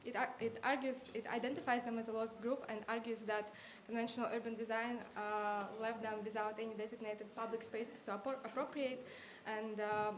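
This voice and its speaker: A young woman in her twenties delivers a thesis defense in a fairly high voice. She sounds nervous and hesitant, with apologetic, formal academic phrasing. The live recording has clear background noise. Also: little pitch movement, fairly quick, hardly any pauses. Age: 20s. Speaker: master's student defending a thesis.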